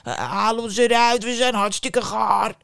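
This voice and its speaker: A woman voicing talking loaves of bread in a storybook tale, calling out with drawn-out, pleading words. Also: fairly high pitch, gravelly, a bit bright, smooth, dry recording, clean studio sound, exaggerated voice. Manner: drawn-out, slow, pleading calls.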